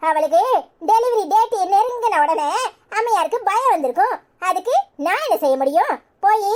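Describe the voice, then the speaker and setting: A woman voicing a sharp-tongued, resentful young wife in a cartoon, with a Tirunelveli Tamil accent and quick cutting complaints. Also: very high voice. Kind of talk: cartoon voice acting.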